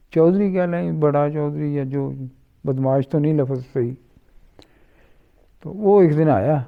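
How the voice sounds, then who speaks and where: A man's voice: fairly high pitch, gravelly. A middle-aged man, an interview guest who tells his stories unhurriedly and acts out the other people's lines in dialogue. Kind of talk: storytelling in conversation. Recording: dull lo-fi recording.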